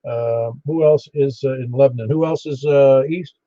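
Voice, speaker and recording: A man working as a ham radio net controller, halting and easygoing as he takes an informal roll call. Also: medium pitch, slight background noise. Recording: dull band-limited ham radio audio.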